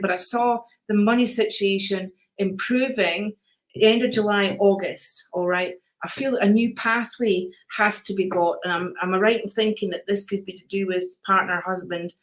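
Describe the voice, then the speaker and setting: In a calm, soothing, mid-range voice, an older Scottish woman reads cards on a live stream and chats warmly with viewers, addressing them as darling and sweetheart. The recording is rough.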